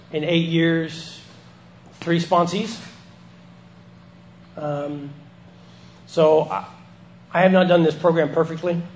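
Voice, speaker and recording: A man speaking through missing front teeth, giving halting, self-deprecating, sweary personal testimony as a speaker at an informal recovery meeting. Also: a little high, slight background noise.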